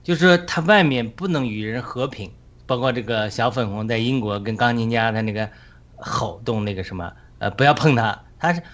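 A man at mid pitch speaks in a measured, conversational way. He keeps checking that his listeners agree with him as he works through his point. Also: fairly bright tone, lo-fi sound. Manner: measured, seeks agreement with tag questions. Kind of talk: casual spoken sharing.

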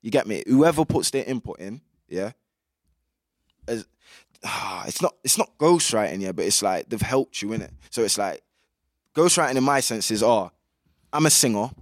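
Young male music artist, British roadman accent and slang, lowish voice, dry recording, chatty and opinionated. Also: lively intonation, normal speed, long pauses, dry recording. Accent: British urban roadman. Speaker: music artist being interviewed. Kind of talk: casual interview chat.

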